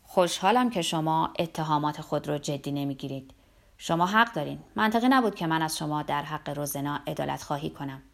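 A genial older man in an audiobook, as a female narrator reads him, speaking conciliatory and elated. The voice is pitched low and stays near the reader's natural tone. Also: lively intonation, creaky. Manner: warm, conciliatory.

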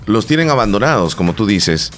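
A man's voice: on the low side, big pitch swings, brisk, soft background music. A man with a Salvadoran accent co-hosting a podcast, telling stories with emphatic repetition. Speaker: podcast co-host. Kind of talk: casual chat.

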